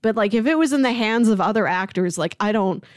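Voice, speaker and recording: At medium pitch and a slightly fast pace, a female podcast co-host chats casually while reviewing TV. Her conversational style is animated and sprinkled with "like."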